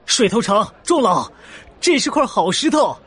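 A man voicing an excited male jade-cutting craftsman who shouts out eager exclamations. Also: a little high, moderate pace, husky, full character voice.

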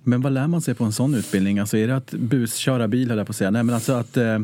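A man's voice: mid-range voice, warm tone. A man hosting an interview in a studio, asking hesitant, rambling questions full of fillers. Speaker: interview host. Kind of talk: casual interview chat.

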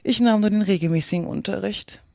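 A reader voicing a sad, sighing mock turtle, speaking slowly and plaintively in a storybook reading. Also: mid-range voice, vocal fry, darkish tone, dry recording, clean studio sound, close to an everyday voice. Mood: mournful. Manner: slow, drawn-out, plaintive. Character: mournful sighing mock turtle from a fairy tale. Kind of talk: reading a children's classic aloud.

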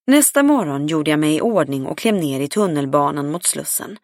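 A woman narrating a first-person audiobook in a calm, even storytelling read. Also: deep voice, no echo, clean studio sound.

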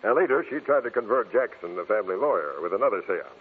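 A brisk police commissioner. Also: male voice, fairly low pitch, animated, husky. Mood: explaining. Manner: brisk, matter-of-fact. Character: middle-aged police commissioner, brisk and explaining. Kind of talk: 1940s radio acting. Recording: tinny old radio broadcast.

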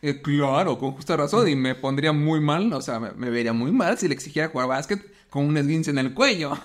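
A man's voice: a little high, animated, brisk. A man co-hosting a casual podcast, speaking candidly and poking fun at himself. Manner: candid, self-deprecating. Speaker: podcast co-host.

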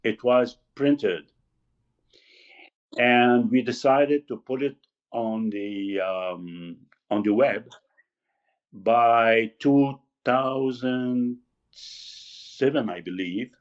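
Older man, 60s, halting guest who searches for words, mid pitch, slightly muffled lo-fi recording. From Lebanon. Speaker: magazine founder, guest. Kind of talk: casual interview talk. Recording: slightly dull lo-fi audio.

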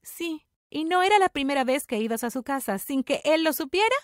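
A woman's voice: high-pitched, animated, fairly quick, no room sound, studio quality. Woman doing a stern scolding mother. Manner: serious, rising to shouting. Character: stern middle-aged mother scolding her daughter.

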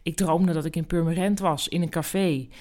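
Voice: medium pitch, steady tone, moderate pace, a little mellow, lightly acted. A storyteller voicing a fretful, grumpy male guinea pig in a storybook reading, with a raised, agitated delivery. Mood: groggy, fussing.

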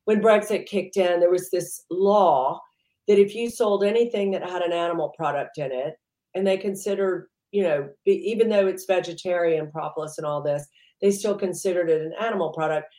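A woman's voice: on the low side, normal speed, dark tone, reverberant. A woman entrepreneur being interviewed, chatting casually and rambling with lots of "you know" fillers. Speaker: entrepreneur guest.

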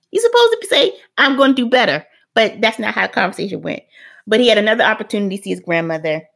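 Brief: middle-aged female parenting host, casual storyteller who acts out the quotes. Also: fairly low pitch. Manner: animated, acts out quotes, laughs often.

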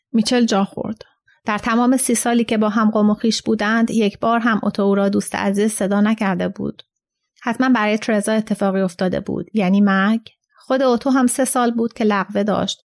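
A woman's voice: medium pitch, steady tone. Woman narrating a literary story steadily. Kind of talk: scripted narration.

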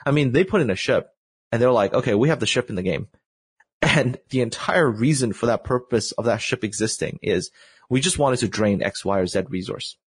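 A man in a casual chat, his pitch leaping high and dropping low as he tells exasperated stories and plays out both sides of the exchange. His voice is a little husky, and the recording is dry and close. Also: moderate pace, no room sound. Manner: animated, exasperated storytelling with acted-out quotes.

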